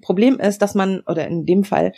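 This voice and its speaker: A woman in her forties speaking as a podcast guest, laying out her story in a frank, matter-of-fact way. Her voice is mellow and a little husky, and she drops in fillers as she explains. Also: mid-range voice, fairly quick. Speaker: interview guest. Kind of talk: personal storytelling in a podcast interview.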